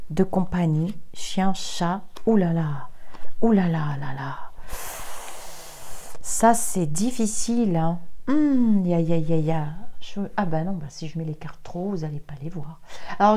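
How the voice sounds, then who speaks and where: A woman's voice: mid-range voice, mellow. A woman medium doing a tarot reading on a live stream, chatting to viewers and exclaiming as she counts out her cards. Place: indoors at a desk with a camera.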